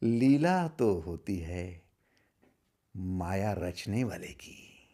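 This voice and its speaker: A middle-aged man giving a spiritual discourse as a teacher, asking rhetorical questions and swinging between loud emphasis and hushed asides. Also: deep voice, sing-song, extremely slow.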